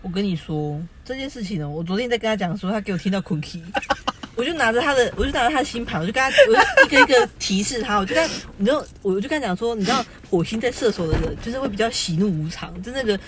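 Taiwanese Mandarin accent, podcast co-host, rapid delivery, exasperated ranting, casual chat. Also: mid-range voice, expressive, crowd noise.

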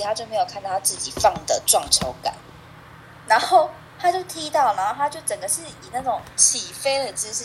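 A woman's voice: on the high side, background noise. A woman with a Taiwanese Mandarin accent, a guest in a casual chat, teasing the host with dry jabs.

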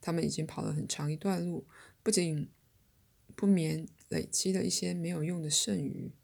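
A woman reading a story aloud as narrator, in a steady, measured storytelling manner. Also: on the low side, vocal fry. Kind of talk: audiobook narration.

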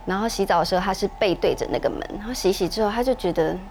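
A woman, co-hosting a podcast and telling a ghost story in a chatty, measured way with many fillers. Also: medium pitch, darkish tone, slight background noise. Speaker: podcast co-host.

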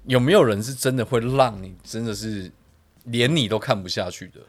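A man's voice: mid-range voice, fairly quick, no echo. A man with a Taiwanese Mandarin accent, co-hosting a casual podcast chat, who mostly chimes in with short remarks and prompting questions. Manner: brief interjections, prompting questions. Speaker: podcast co-host.

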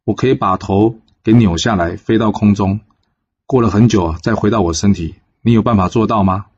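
A man's voice: lowish voice, brisk, breathy edge, highs cut off. A man voicing a scheming, boastful male immortal who coaxes and brags, in a told folk story. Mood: coaxing, boastful. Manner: wheedling, boastful, shouts.

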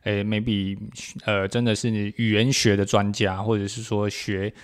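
Man, lowish pitch, Taiwanese accent, casual podcast chat, bits of Hokkien mixed in. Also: level tone, a little slow, smooth. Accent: Taiwanese Mandarin. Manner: repeats confirmations, switches into Taiwanese Hokkien phrases. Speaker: podcast co-host, parent.

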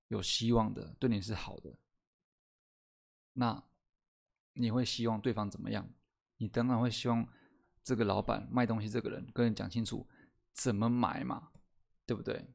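A man hosting a podcast lesson, explaining step by step, often asking "right?" and slowing down to stress key words. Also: on the low side, gravelly, darkish tone. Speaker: host teaching sales skills. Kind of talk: solo podcast lesson with slides.

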